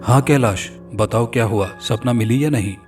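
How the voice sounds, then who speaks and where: A man's voice: mid-range voice, moderate pace, a little mellow, distant mic, faint music behind, close to an everyday voice. A man voicing an impatient, eager man on the phone in a storybook horror tale.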